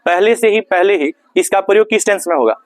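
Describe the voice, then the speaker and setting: A man's voice: sits high, fairly quick, no room sound. A male Hindi-speaking teacher with a Bihari accent, giving a classroom grammar lesson, asking questions and answering them himself. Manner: asks questions and answers them himself, repeats key words.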